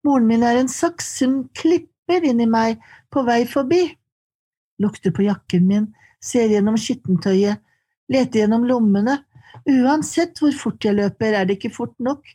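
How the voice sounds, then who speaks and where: Dark-voiced woman reading poetry slowly. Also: fairly high pitch, husky. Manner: slow, measured recitation. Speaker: poet and guest. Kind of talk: poetry reading, then interview answers.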